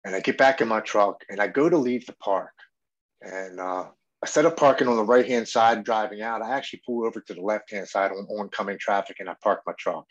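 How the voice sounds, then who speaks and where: A man in his forties speaks with a slightly low voice, earnest and reflective. He tells a personal story as a podcast guest, in a heartfelt way. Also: a little fast, lo-fi sound.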